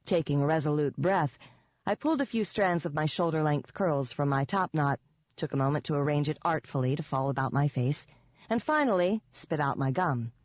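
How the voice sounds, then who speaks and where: A woman's voice: deep voice, animated, moderate pace, dry recording. Wry, sardonic woman narrator, first-person audiobook, dry and dull-sounding mic.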